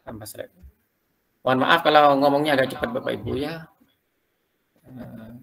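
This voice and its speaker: A man leading a quick, loose tutorial for teachers, talking them through slides step by step. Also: medium pitch, vocal fry, bright, forceful tone. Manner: quick, loose explaining, keeps addressing listeners as "Bapak Ibu". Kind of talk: live screen-share tutorial.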